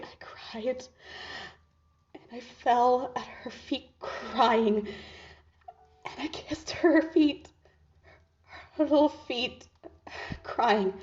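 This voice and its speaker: A woman playing a dying, lovesick masked man in a theatrical monologue, with a halting, breathy delivery that slips into whispers. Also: medium pitch, dark tone, close to an everyday voice. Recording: distant, dull lo-fi, music behind. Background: music.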